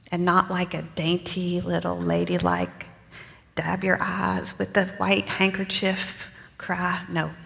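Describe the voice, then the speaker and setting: Mary, a young mother, tells her story with slow, earnest warmth and a chatty turn of phrase, voiced by a woman preaching in the first person. The voice sits low with a gravelly edge. A long reverb rings around her, as in a large church sanctuary. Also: full character voice. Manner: conversational, earnest storytelling with casual asides. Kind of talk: first-person dramatic sermon monologue.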